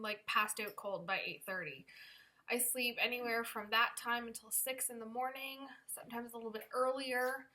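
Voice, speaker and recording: Young woman, bright voice, fairly high, candid casual vlog chat, a little tired. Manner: candid, chatty, self-conscious laughs. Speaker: vlogger. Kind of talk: casual pregnancy update vlog.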